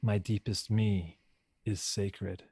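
A man leading a guided meditation in a hushed, slow voice, repeating calm affirmations. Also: lowish voice, husky.

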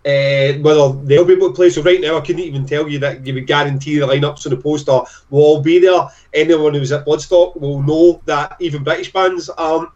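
A man with a broad, thick Scottish accent from Glasgow, chatting in an excitable way as an interview guest. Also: a little high, recorded from a distance, highs cut off. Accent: broad Glaswegian Scottish. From Scotland. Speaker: podcast guest, festival promoter. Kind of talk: casual interview chat.

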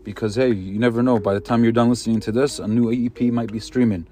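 A man's voice: mid-range voice, fairly even intonation, fast talker, mellow, soft background music. A man hosting a casual podcast, laid-back and slangy, calling everyone bro. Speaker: podcast host.

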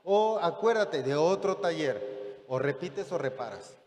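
A man's voice: a little high, animated, a little slow, darkish tone. A man preaching a sermon, talking conversationally and often checking in with the congregation through rhetorical questions. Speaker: pastor. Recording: long hall reverb.

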